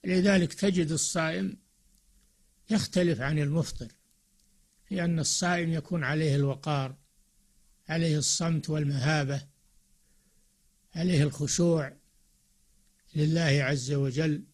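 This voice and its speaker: An older man, a sheikh, giving a slow and measured religious lecture with frequent pauses. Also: on the high side, steady tone. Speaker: sheikh giving a Ramadan talk.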